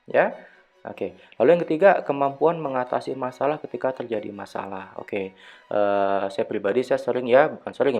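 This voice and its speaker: A man's voice: fairly low pitch, lo-fi sound. A male university lecturer giving a recorded online lecture in a conversational way, full of fillers and rhetorical questions.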